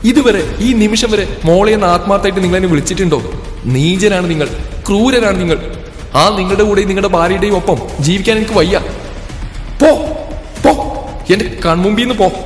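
A man's voice: high-pitched, a little fast, faint music behind, voice pushed up, close to an everyday voice. Brief: man putting on a raised, lighter voice for a fierce young woman, storybook reading, echoey room. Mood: furious. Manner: shouting, angry, then teasing. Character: defiant young woman, fierce and sharp-tongued. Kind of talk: storybook character voice.

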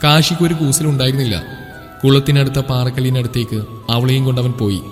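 Guy reading a love story out, steady and descriptive, faint music under it, echoey. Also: mid-range voice, fairly quick. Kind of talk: scripted narration of a romance story. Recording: echoey room with background music.

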